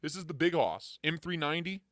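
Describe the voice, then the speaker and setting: A bright, raised voice runs through a morphing voice changer, as a man puts it on. He jokes and swears in loose, casual knife talk. The sound is close and dry. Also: a little high, lively intonation, a little fast, dry recording. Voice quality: profane, joking. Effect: voice changer that morphs his voice. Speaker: knife reviewer. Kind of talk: casual chat.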